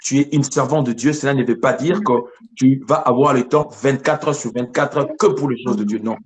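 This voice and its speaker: A male pastor delivers prayer and counsel in a mid-pitched voice. His phrasing is declarative and instructive. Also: brisk.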